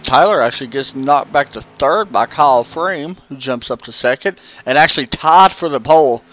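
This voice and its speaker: A man's voice: medium pitch, animated, normal speed, a bit bright. A man with a Southern US accent giving casual, chatty live race commentary and interviewing drivers. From American South. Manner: casual, chatty, with frequent fillers. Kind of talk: live sim-racing commentary.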